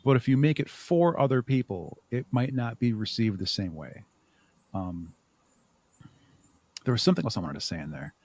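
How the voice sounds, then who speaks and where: This podcast guest, a haunt makeup artist and audio drama creator, has a medium-pitched, slightly mellow voice that's animated, moderately paced and often pausing. He talks in a casual, reflective way during the interview, sometimes searching for his words.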